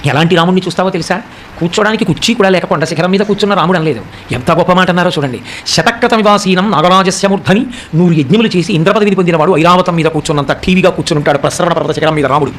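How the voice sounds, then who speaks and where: A man giving a devotional discourse on a sacred epic. He recites verses slowly and explains them, and speaks the characters' lines in a softer voice. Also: fairly high pitch, a little hiss or hum. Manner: acts out the characters' speech in a softer voice.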